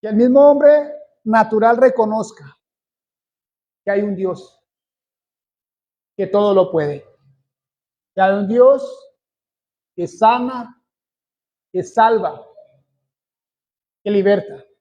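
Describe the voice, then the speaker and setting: Slow, high-pitched preaching man. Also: dark tone, dull audio. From Colombia. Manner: slow, deliberate preaching with emphatic repetition. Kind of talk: sermon.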